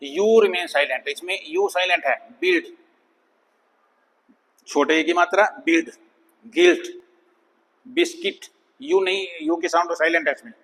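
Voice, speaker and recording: A man teaching an English phonics lesson, sounding out words slowly and repeating them for students. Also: sits high, big pitch swings, gravelly, a bit bright, breathy edge, big-room sound, poor audio. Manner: slow, drawn-out demonstration of words, calls students "bhai".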